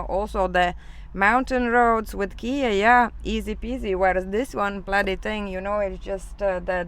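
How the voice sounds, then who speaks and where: A woman's voice: mid-range voice, a bit bright, smooth. A woman from Latvia talking casually to the camera outdoors by her van, rambling with many fillers and restarts. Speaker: vlogger.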